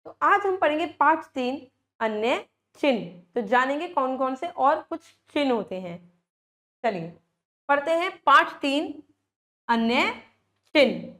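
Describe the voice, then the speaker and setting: A woman's voice: sits high, a bit bright. A woman teaching a Hindi lesson to young children, patiently checking in with questions and stretching out words to model how they sound. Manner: draws out words slowly to model pronunciation.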